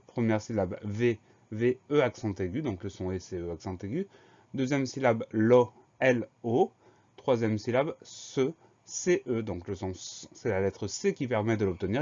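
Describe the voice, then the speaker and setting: A man teaching a spelling lesson, slowly and methodically spelling out words letter by letter. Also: on the low side, a little mellow, lo-fi sound.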